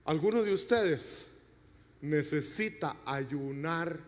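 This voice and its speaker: A pastor delivering an emphatic sermon, addressing the congregation directly and asking them rhetorical questions. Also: male voice, a little high, takes it slowly. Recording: long reverb of a church hall.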